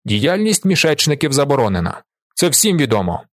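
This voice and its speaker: Creaky fat gendarme barking curt orders, flat and unmoved, as a man reads him, husky and dry. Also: medium pitch, a little fast, no echo, pitched above the performer's own voice. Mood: cold. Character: fat stern male gendarme, older, unmoved.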